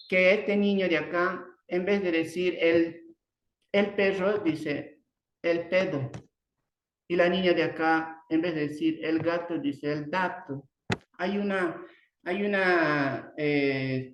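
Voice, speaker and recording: A man with a Bolivian Spanish accent giving an online speech therapy lecture, halting often, restarting words and tagging sentences with a questioning "no". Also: fairly high pitch. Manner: halting, many restarts and "¿no?" tags. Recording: roomy echo.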